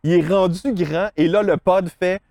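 A man retelling a film in an excited, breathless way. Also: sits high, moderate pace, dry recording.

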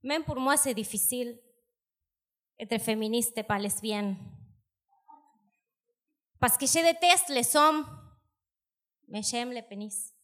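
A woman from South America with a strong South American Spanish accent, doing a deadpan, self-mocking stand-up set. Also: fairly high pitch, slow pace, pauses often. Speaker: stand-up comedian.

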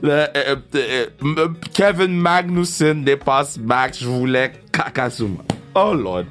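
A man in his thirties with a Québécois French accent tells a loose, rambling story straight to the camera. He gets worked up fast, swears freely and drops English words into his French. His voice sits at an ordinary middle pitch, with faint guitar music behind him. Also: fairly bright tone. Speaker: vlogger. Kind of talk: casual storytelling monologue.

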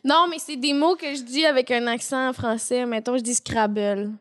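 A young adult woman with a Quebec City French accent, co-hosting a podcast with giggly, animated storytelling. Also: high voice, moderate pace. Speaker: podcast co-host. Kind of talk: casual podcast chat.

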